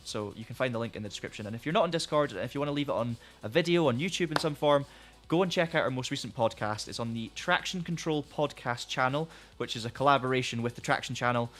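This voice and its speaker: A man's voice: medium pitch, fast, a bit bright. A man chatting casually on a live stream, rambling and restarting sentences as he reads out viewer comments, saying he is losing his voice. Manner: rambling, friendly, many restarts.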